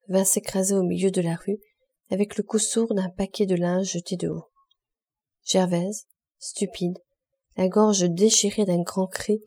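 A woman narrating a classic novel as an audiobook reader, measured and expressive in short phrases. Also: lowish voice, breathy edge. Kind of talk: scripted literary narration.

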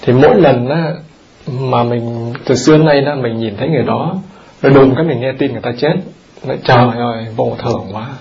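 Male monk, sermon, gravelly voice, lively questions to the audience, muffled lo-fi tape. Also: mid-range voice, fairly quick. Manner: animated, questions the audience often. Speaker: Buddhist monk teaching. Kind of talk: dharma talk sermon. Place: temple hall.

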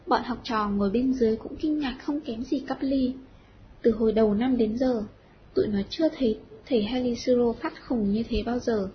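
A woman narrating an audiobook in an expressive storytelling style. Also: fairly high pitch. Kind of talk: scripted narration. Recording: dull lo-fi audio with faint noise.

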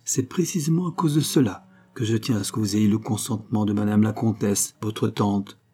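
A man voicing a gentle, patient mother with a soft, broken voice, read in an audiobook. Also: fairly low pitch, moderate pace, breathy edge. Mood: gently firm. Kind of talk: audiobook character reading.

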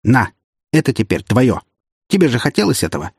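A male audiobook reader voicing a wounded, furious middle-aged prince who shouts in rage. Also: mid-range voice, big pitch swings, fairly quick, husky, no echo, clean studio sound. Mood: commanding. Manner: shouting, enraged. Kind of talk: audiobook character voice.

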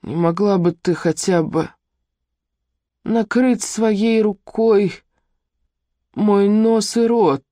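An audiobook narrator voicing Ted, a dying captive man who pleads slowly and quietly in despair. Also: high-pitched, dry recording, pitched above the performer's own voice. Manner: slow, hushed, despairing pleading.

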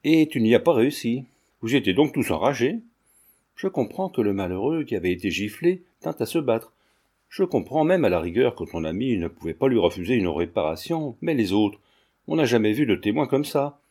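A man's voice: medium pitch, sing-song, brisk, a little mellow, husky. A man voicing a shrewd, forthright elderly lawyer who speaks bluntly, in a storybook reading. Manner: blunt, exclaiming.

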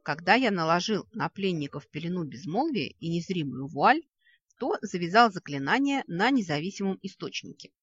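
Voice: medium pitch, lively intonation, a bit bright, slightly rough, dry recording, lo-fi sound. A reader voicing a proud male elf mage. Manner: proud, measured explaining. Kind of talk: audiobook character voice.

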